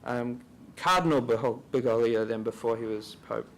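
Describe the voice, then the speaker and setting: A man speaking at a church briefing day, giving a slow, calm reflective talk that leads listeners through a guided prayer with pauses. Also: medium pitch. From Australia.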